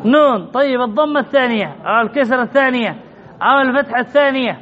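A man's voice: extremely high pitch, quick pace, phone-quality sound. A man teaching an Arabic grammar lesson, stressing and repeating key points and quizzing his students as he goes. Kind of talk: classroom lesson.

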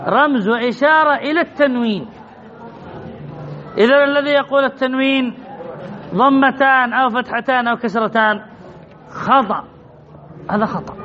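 High-pitched guy teaching grammar, keeps repeating stuff and quizzing the class, muffled lo-fi sound. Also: fairly bright tone. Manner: emphatic, repeats key points, quizzes students. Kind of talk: classroom lesson.

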